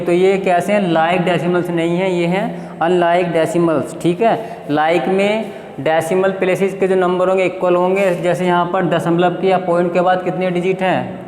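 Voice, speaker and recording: A man's voice: high voice, reverberant, in a large hall. A male math teacher, explaining a lesson step by step and asking the class questions that he then answers himself. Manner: reads definitions aloud slowly.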